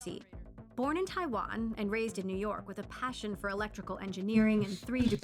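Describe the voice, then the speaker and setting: A woman reporter giving scripted documentary narration with a crisp, punchy delivery. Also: medium pitch, expressive, a little fast, music in the background. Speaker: news reporter.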